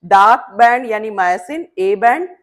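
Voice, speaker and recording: A woman with a medium-pitched, expressive voice teaches biology as she draws. Asking her students question after question, she answers them herself and drills the important terms slowly and repeatedly.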